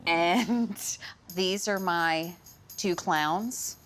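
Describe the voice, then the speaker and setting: A woman's voice: fairly low pitch, very slow, noisy background. A middle-aged woman from Sweden, a dog owner talking casually and playfully about her dogs. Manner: chatty, playful, laughs at herself. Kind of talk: casual interview. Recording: music bed underneath.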